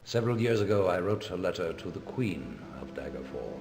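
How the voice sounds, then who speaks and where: A man playing a grave, sorrowful emperor in a video game cutscene, with stilted, theatrical delivery and dramatic pauses. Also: sits low, very animated, creaky, darkish tone, soft background music, exaggerated voice. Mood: solemn. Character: grave ageing emperor, solemn and sorrowful, pleading.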